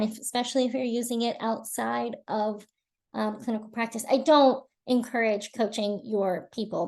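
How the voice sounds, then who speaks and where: Woman presenter on a video call, slightly high-pitched, earnest and encouraging. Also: darkish tone. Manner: earnest, encouraging, repeats words for emphasis. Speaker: webinar presenter. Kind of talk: live webinar presentation.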